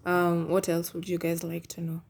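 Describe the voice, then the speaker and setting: A woman's voice: on the low side, monotone, moderate pace, creaky, darkish tone. A woman co-hosting a podcast, asking questions in an easygoing, teasing casual chat. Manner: easygoing, asks questions, teases back. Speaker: podcast co-host.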